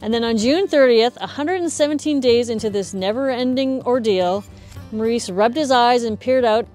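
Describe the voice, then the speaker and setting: A middle-aged woman telling a true story to camera in a casual, lively way, with a lapel mic, in front of a woodpile. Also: a little high, moderate pace, faint music behind. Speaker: host. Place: indoors in front of a stacked woodpile.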